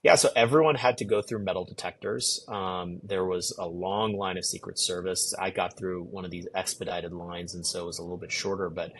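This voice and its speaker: A man giving an eyewitness account in an interview, speaking in a measured, reflective and articulate way. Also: low-pitched, fairly even intonation, a bit bright, a little hiss or hum. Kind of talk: recounting events in an interview.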